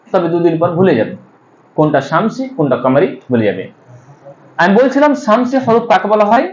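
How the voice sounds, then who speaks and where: A man teaching an Arabic grammar class. He explains step by step, asks the students questions and answers them himself, with hesitant fillers while he thinks. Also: high-pitched. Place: madrasa classroom. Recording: echoey room, dull lo-fi sound.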